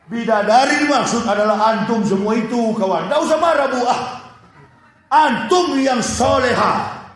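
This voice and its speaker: A man preaching a sermon in a mosque, fiery and joking with the congregation, with sudden shouted bursts. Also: high-pitched. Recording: echoey mosque hall.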